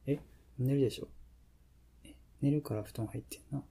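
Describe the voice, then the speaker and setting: A man playing a teasing, affectionate young boyfriend murmuring intimate pillow talk in a soft, breathy voice with a Kansai accent. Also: mid-range voice, steady tone, normal speed. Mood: sleepy, teasing.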